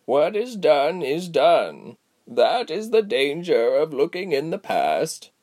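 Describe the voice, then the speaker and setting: Male narrator as an old female healer, slow, calm, firm. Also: a little high, pitched above the performer's own voice, full character voice. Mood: stern. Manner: slow, calm, measured, stern. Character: old, tired, wise female healer with a walking stick. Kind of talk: audiobook character voice.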